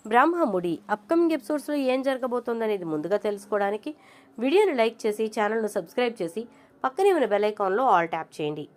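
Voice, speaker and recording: A woman casually retelling a television serial's plot, narrating events and acting out the characters' lines in turn. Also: on the high side. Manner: lively, acts out dialogue in turn.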